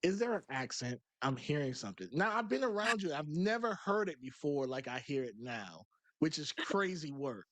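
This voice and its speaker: Slangy high-voiced male host. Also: big pitch swings, normal speed, fairly bright tone. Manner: slangy, loose and talkative. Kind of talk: casual interview chat.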